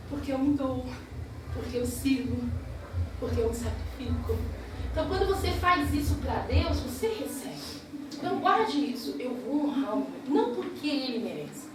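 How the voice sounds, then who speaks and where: A woman's voice: high voice, expressive, normal speed. A woman preaching to a congregation, earnestly urging her listeners. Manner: earnest, exhorting. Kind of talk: sermon to a congregation. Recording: echoey hall, distant mic, noisy.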